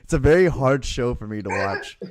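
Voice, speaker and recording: A man's voice: mid-range voice, expressive, fairly quick, no echo. A man hosting a podcast, asking questions in a casual, hesitant way with fillers. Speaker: podcast host. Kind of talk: casual chat.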